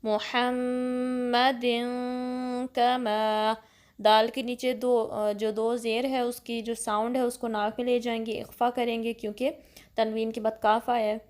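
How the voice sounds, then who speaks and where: A woman teaching prayer recitation step by step, patiently explaining each sound and then reciting the words slowly with long stretched syllables. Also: fairly high pitch, flat delivery, darkish tone. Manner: keeps checking in with "theek hai".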